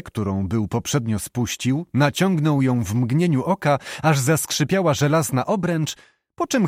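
Expressive male audiobook narrator. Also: medium pitch, dry recording, clean studio sound. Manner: expressive storytelling. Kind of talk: scripted narration of a historical novel.

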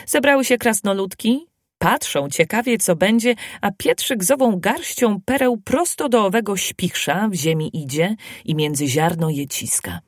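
A woman reading a fairy tale aloud in a slow, even storytelling manner. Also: mid-range voice, dry recording, clean studio sound.

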